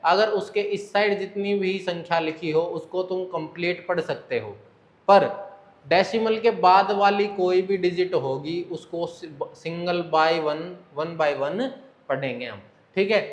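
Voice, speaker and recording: Man, maths teacher, Indian English accent, quizzing the class and answering himself, fairly high voice, echoey room. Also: unhurried. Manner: asks the children questions and repeats the answers. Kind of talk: online class lecture.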